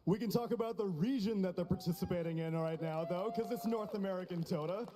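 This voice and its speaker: Playful high-voiced man rousing a crowd. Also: fairly quick. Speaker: esports host working the crowd. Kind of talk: live hype hosting. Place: convention center stage. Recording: large hall reverb with crowd.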